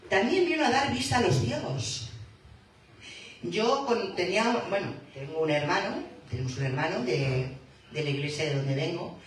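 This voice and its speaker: A woman preaching a sermon in a church, slow and emphatic, rising to fervent calls. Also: low-pitched, slight background noise. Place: church hall. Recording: echoey hall, voice from far off.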